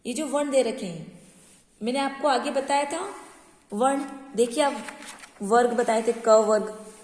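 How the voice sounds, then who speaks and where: Slow, patient woman teaching children. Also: sits high, darkish tone. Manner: slow, patient, repeats and asks checking questions. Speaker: primary school Hindi teacher. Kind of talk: online class lesson. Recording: echoey room with long reverb.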